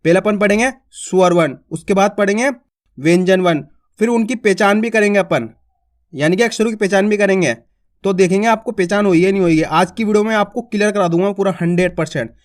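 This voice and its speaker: Male teacher, casual and friendly with viewers, patient, repeats each vowel slowly and clearly. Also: high-pitched. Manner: patient, repetitive, drawn-out vowel drills; addresses viewers as friends, colloquial. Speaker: Hindi teacher. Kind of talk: beginner alphabet lesson.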